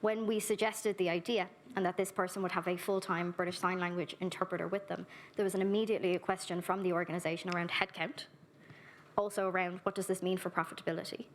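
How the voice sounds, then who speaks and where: Her voice is fairly low and level: an Irish woman delivering a keynote in a conference hall, then fielding questions from the audience on a handheld microphone. She comes across earnest and warmly direct, moving briskly through lists, with slight background noise.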